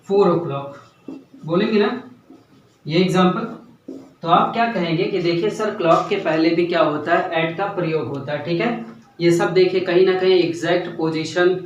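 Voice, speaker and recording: The speaker is a young man with a high voice giving a grammar lesson like a classroom teacher, going over key points again and asking if students are keeping up. There's a bit of hiss or hum, and the distant mic picks up the echo of the room.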